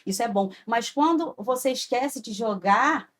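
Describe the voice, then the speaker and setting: Lady telling her faith story, earnest, keeps saying sabe, higher voice. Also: lively intonation, measured pace. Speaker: podcast guest. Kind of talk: heartfelt personal testimony.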